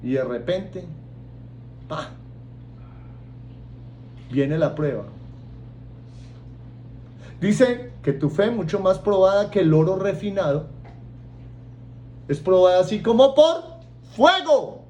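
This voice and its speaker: A man's voice: high voice, slow pace, long pauses, highs cut off, a little hiss or hum. A man with a Colombian accent preaching a sermon, joking and acting out voices for his congregation. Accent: Colombian Spanish. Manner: animated, acts out voices and jokes with the congregation.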